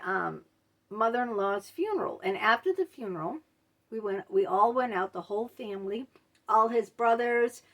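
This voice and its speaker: A middle-aged woman hosting a casual advice vlog, telling stories in a blunt, animated, indignant way. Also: fairly high pitch. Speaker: channel host.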